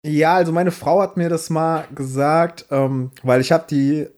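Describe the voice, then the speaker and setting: A young man co-hosting a podcast in casual slangy chat, ranting with quick asides. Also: a little high, flat delivery, darkish tone. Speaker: podcast co-host and streamer.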